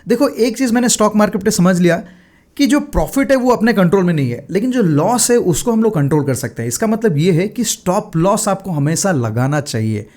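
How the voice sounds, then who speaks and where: A man in his thirties chatting casually about his trading losses, mixing English words into his Hindi and filling pauses with stock phrases. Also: high voice, expressive, darkish tone. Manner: chatty, Hindi-English mix, frequent fillers. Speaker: day trader sharing his mistakes. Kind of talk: casual talk to camera.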